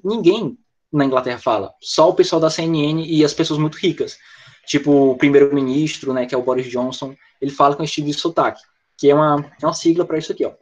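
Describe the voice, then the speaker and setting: A man with a Brazilian Portuguese accent teaching English in an online class, explaining points and answering students from the chat. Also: on the high side. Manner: explanatory, talks with students by name and reads the chat. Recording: lo-fi dull audio.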